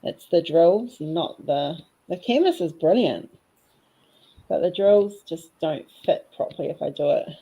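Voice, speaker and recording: A woman's voice: fairly low pitch, expressive, measured pace, warm tone, breathy edge, poor audio. Chatty cheeky New woman. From New Zealand. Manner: chatty and cheeky, rambling fondly. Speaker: craft vlogger. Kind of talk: casual chat while diamond painting.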